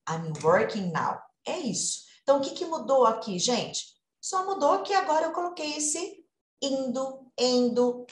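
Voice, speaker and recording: Lively woman teacher in an echoey room. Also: on the high side. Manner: lively, chatty, code-switching between explanations and examples. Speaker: English teacher. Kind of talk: casual online lesson.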